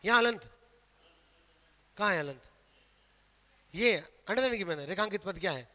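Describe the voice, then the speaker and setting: Male grammar teacher, high voice, Rajasthani Hindi accent, self-quizzing lecture style. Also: expressive, normal speed, sharp tone. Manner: quizzing students with questions he answers himself. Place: classroom. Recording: long reverb of a hall.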